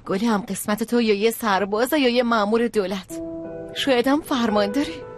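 Young woman, cheeky best friend, teasing, persuasive, fairly high voice, clear music score behind, actress acting. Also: lightly acted. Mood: playful. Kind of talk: dubbed drama series dialogue.

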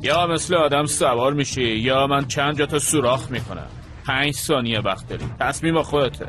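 An actor playing a cold, threatening kidnapper who speaks curtly, in a dubbed TV drama. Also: male voice, mid-range voice, fairly bright tone, soft background music, close to an everyday voice. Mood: menacing. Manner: threatening, curt. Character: menacing thug kidnapper, cold.

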